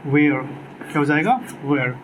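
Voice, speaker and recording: A man's voice: a little high, animated, slow pace, a little hiss or hum, poor audio. A man teaching an exam-prep English grammar lecture, asking his own questions and answering them, repeating key words.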